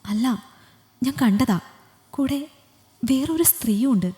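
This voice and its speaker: A woman's voice: a little high, lively intonation, a little slow, dark tone, pitched above the performer's own voice. A woman voicing a loyal, protective male friend who speaks in an urgent, reassuring way. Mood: breathless. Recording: long hall reverb.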